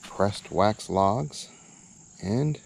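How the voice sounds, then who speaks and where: Out at a campsite, a man hosting his channel rambles hesitantly through a casual camping vlog, chuckling easily as outdoor noise carries in the background. His voice is on the low side, gravelly and a little mellow, animated yet extremely slow.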